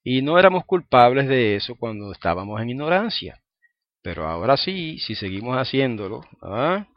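A man's voice: mid-range voice, very animated, normal speed, no echo, muffled recording. A man preaching an informal sermon to a congregation, constantly checking in with the listeners and chuckling now and then. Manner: conversational, asks the listeners "¿ah?" and "¿verdad?" often; chuckles between points.

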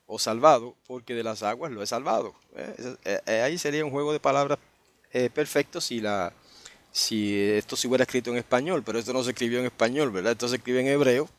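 Man, preacher, Bible study, conversational, tag questions, mid pitch. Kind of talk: Bible teaching.

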